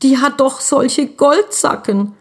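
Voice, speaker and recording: A woman voicing a frightened young schoolboy in a storybook, whimpering and desperate in a high voice. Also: slow. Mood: shaky, explaining.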